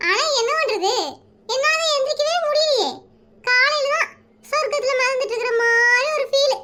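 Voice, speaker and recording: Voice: very high-pitched, normal speed, heavy background noise. A performer voicing a lazy, sleepy schoolboy in a cartoon comedy, begging for five more minutes and talking to viewers. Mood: whiny. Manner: whiny begging, chatty asides to viewers. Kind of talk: Tamil cartoon comedy dub.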